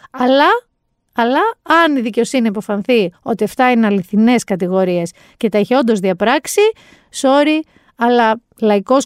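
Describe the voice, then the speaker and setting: A woman hosting a podcast, telling stories in a chatty, sarcastic, animated way. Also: a little high, no room sound, studio quality. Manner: chatty, sarcastic, animated storytelling with quoted voices. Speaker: podcast host. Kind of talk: casual chat recap.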